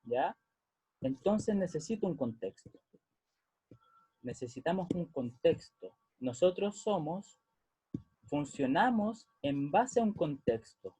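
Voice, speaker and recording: Warm husky man teaching. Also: high voice, no room sound. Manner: patient, checks understanding with frequent "¿ya?". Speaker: music teacher. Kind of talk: explanatory lesson.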